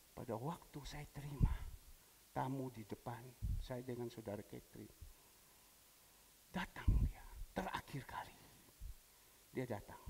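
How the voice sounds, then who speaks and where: Pastor preaching in a reverberant church. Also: male voice, gravelly, slight background noise. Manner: wide swings in pitch and loudness, storytelling with quoted dialogue. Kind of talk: sermon. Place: church hall. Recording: long church hall reverb.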